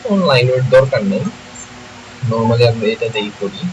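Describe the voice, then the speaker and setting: A man, teaching software in a screen-recorded tutorial, thinking aloud and often checking that listeners follow. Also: mid-range voice, fairly even intonation, moderate pace. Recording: noisy home recording.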